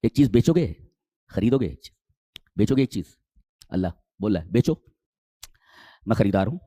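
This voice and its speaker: A man preaching a sermon in with Quranic exegesis, asking rhetorical questions and climbing to emphatic high peaks before dropping low. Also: lively intonation, dark tone, no room sound, clean studio sound. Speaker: Islamic preacher.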